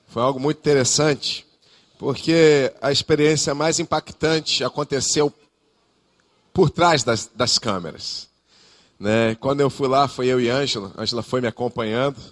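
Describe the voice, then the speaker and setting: Bright-voiced preacher. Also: male voice, mid-range voice, measured pace. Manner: conversational, anecdotal, many tag questions. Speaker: pastor. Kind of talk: sermon storytelling.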